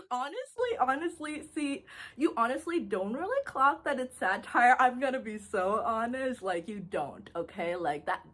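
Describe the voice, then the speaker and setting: A young adult woman from India vlogs casually to camera in a mid-range voice, animated and chatty. She laughs often and calls people "bro."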